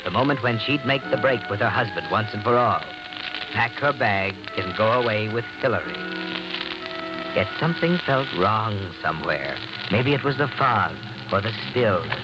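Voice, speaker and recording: A man playing an ominous, all-knowing crime storyteller in 1940s radio suspense style, brooding and deliberate. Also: on the low side, expressive, muffled recording, lightly acted. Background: music.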